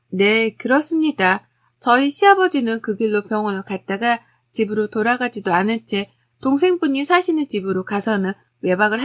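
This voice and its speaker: A woman telling a first-person family story as scripted narration, in a chatty, gossipy confessional way. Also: fairly high pitch.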